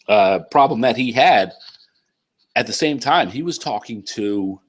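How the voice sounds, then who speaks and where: A man with a cold and a nasal voice, casually reading and bluntly answering viewer comments on his channel, clearing his throat often. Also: lowish voice. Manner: blunt, profane, conversational, frequent throat-clearing. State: congested, sick with a cold.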